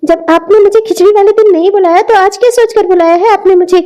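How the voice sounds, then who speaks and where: A woman voicing a quick-tempered middle-aged cartoon mother who argues with her own mother. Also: very high-pitched, fairly even intonation, warm tone. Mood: indignant. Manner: indignant, arguing. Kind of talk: cartoon dialogue acting.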